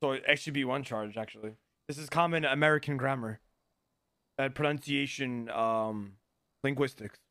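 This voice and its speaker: A man's voice: mid-range voice, normal speed, bright, forceful tone, dry recording, clean studio sound. A man improvising casual banter as a jailed criminal in a game, argumentative and repeating himself. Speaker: streamer playing a jailed criminal.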